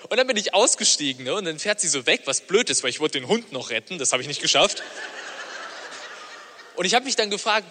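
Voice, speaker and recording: A man doing stand-up, chatty and quick to laugh at his own story, jumping into the voices of the people in it. His tone is bright and forceful, with a long reverb trailing off each line. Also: high-pitched, very animated, slight background noise. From Cologne. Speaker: stand-up comedian. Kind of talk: stand-up comedy.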